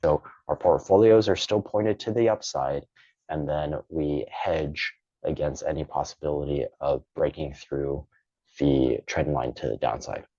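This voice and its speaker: Male market analyst host, very deep voice, slightly hoarse, measured explainer, dry close sound. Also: warm tone, dry recording, dull audio. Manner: measured, explanatory, thinking aloud with restarts. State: losing his voice. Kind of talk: pre-market analysis talk.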